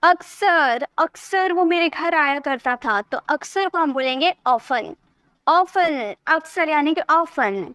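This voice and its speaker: A woman with a high, bright-pitched voice teaches vocabulary. She explains each word patiently with simple everyday examples. The sound is close and dry, with no room echo. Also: animated, slow. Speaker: English teacher. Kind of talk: vocabulary lesson.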